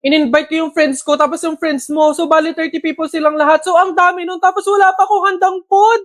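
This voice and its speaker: A young adult woman performing comedy skits in an animated manner, swinging between hushed asides and shrieks. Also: very high-pitched, fast talker, no echo, clean studio sound. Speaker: skit comedian.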